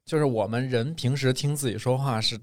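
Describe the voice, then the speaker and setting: A male podcast co-host chatting casually at an ordinary middle pitch. He jokes, laughs easily and patiently talks his friends through ideas. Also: a little fast. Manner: jokey, laughs often, explains things patiently. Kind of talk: casual chat.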